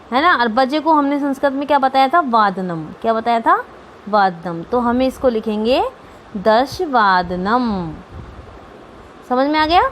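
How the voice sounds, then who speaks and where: A woman's voice: sits high, a little hiss or hum. A woman teacher giving a Sanskrit grammar lesson to students, patient, repeating each term and checking that they understand.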